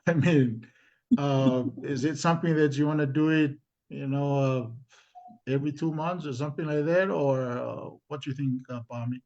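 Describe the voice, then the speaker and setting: Halting Tongan-accented man, lo-fi audio. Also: medium pitch, steady tone, darkish tone. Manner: halting, deliberate, repetitive. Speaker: community programme speaker. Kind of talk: informal live discussion wrap-up. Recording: dull lo-fi stream audio.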